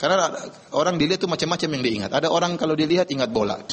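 A man giving a religious lecture, animated, asking rhetorical questions and reciting Arabic quotations before explaining them. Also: fairly high pitch, rapid-fire, slightly rough, big-room sound. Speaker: preacher.

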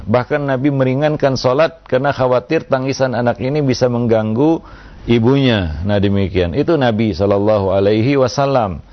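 Guy preacher doing q&a advice, gravelly creaky voice, kinda muffled lo-fi sound. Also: mid-range voice. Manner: unhurried, with frequent "ya" and "kan begitu" tags. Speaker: Islamic preacher answering a listener's question. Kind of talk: religious Q&A advice. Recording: dull lo-fi recording.

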